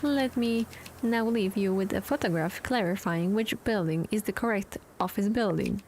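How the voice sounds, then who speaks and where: A woman's voice: mid-range voice, moderate pace, a little hiss or hum, close to an everyday voice. A woman doing a stiff robotic customer. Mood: stiff formal. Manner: flat robotic formal delivery. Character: stiff formal café customer giving a presentation. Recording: music playing behind.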